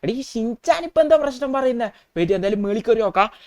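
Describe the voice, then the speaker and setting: Woman playing an excitable young male hustler. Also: fairly high pitch, fast talker, lightly acted. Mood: excited. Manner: excitable, chatty, talking through gameplay. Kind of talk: gameplay voice role-play.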